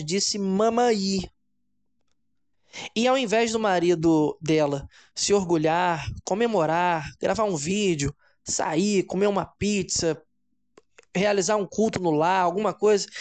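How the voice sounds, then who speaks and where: A man, hosting an explanatory psychology talk in a measured, deliberate way, often asking "né?" and slowing down on key words. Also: sits high. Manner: measured, deliberate, often adds "né?" and slows for emphasis. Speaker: host.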